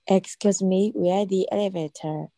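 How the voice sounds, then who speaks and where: A woman's voice: mid-range voice, steady tone, moderate pace, dark tone. A woman student on a video call reading English practice sentences, carefully repeating words to fix her pronunciation. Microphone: computer mic on a video call.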